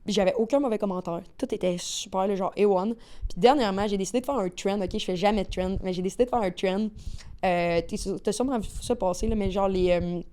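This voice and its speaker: A woman with a Québécois accent, a guest on a podcast, telling stories in rapid, slangy, animated casual talk. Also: mid-range voice. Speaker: guest, agency owner.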